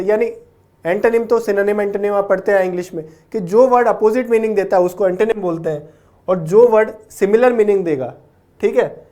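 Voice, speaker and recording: A young man gives a patient classroom-style vocabulary lesson. He breaks words down root by root, switching easily between Hindi and English terms. He often checks in with his listeners with a quick "okay?". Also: sits high, a little mellow. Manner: explains patiently, ends points with a checking "okay?". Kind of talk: classroom lecture explaining word roots.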